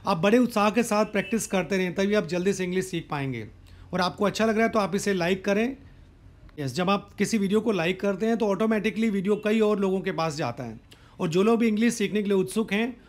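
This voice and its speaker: High-voiced man teaching spoken English. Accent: Indian. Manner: explains phrases, then says them slowly and clearly.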